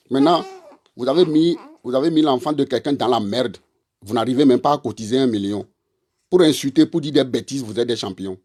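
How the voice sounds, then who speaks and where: A man in his forties, an online commentator who is a father and husband, rants to camera in a confrontational, repetitive monologue that scolds his listeners directly. His medium-pitched voice is a little mellow and slightly rough.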